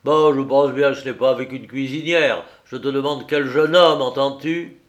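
A man's voice: medium pitch, slow, lightly acted. A man voicing a husband who presses his wife insistently, turning from gleeful to jealous and angry. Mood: furious. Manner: insistent, laughing, then stammering and angry.

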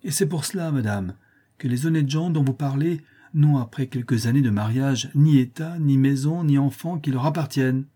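A man reading aloud, voicing an earnest, gently reproachful provincial baron and father in a period audiobook. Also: mid-range voice, normal speed, slightly rough, natural voice.

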